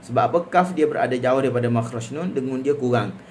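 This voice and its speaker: A man's voice: mid-range voice, fast, slight background noise. Malaysian man drilling Quran recitation. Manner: breaks words into drilled syllables, then chants verses melodically. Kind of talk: live tajweed lesson.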